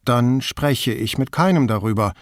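A man's voice: medium pitch, expressive, unhurried, dry recording, studio quality, close to an everyday voice. A man reading an audiobook, voicing a curious, city-bred police inspector with a raised, eager, questioning tone. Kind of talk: audiobook character voice.

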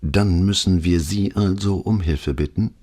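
A man's voice: low-pitched, measured pace, mellow, voice pushed up. A man voicing an inquisitive middle-aged police commissioner who presses with incredulous questions in an audiobook. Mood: questioning.

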